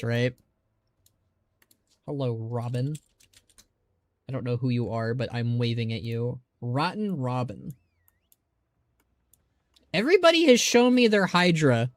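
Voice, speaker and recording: A man's voice: medium pitch, no room sound, clean studio sound. A man doing casual live game commentary, rambling conversationally as he thinks aloud. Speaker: live streamer.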